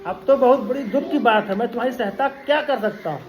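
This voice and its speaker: A woman's voice: fairly high pitch, quick pace, reverberant, dull audio, slight background noise, natural voice. A woman voicing a sly, cautious male jackal in a children's story, asking wary questions.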